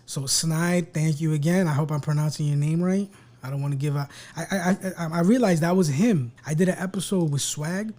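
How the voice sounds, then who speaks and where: A man hosting a casual podcast chat, joking and swearing, speaking softly into a close mic. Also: on the high side, a little fast. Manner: joking, profane, talks quietly and projects for the mic. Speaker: podcast host.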